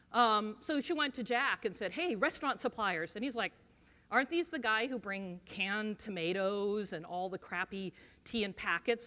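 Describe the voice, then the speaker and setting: Animated woman telling stories on stage. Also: on the high side. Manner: animated storyteller, acts out quoted voices. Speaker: conference speaker. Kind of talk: conference talk with storytelling. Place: conference stage.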